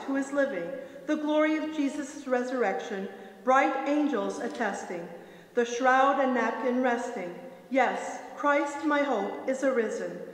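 An older woman reads liturgy at a church lectern in a slightly high voice. She is solemn and declamatory, phrase by phrase. The big room adds strong echo and a long tail to her words. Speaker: lector. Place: large brick church, indoors. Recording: echoey church with long reverb.

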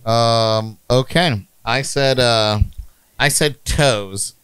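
A man's voice: mid-range voice, extremely slow, a bit bright, clear, resonant tone, no echo. A man hosting a casual game night, joking around and reading comments from his viewers. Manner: joking, reads viewer chat aloud. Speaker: game host. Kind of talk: casual chat, running a game.

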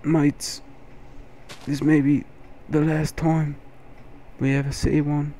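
A man putting on the voice of a male wildlife documentary presenter, narrating in a hushed, dramatic way and calling his listeners mates. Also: a little high, steady tone, a little slow, slight background noise, natural voice.

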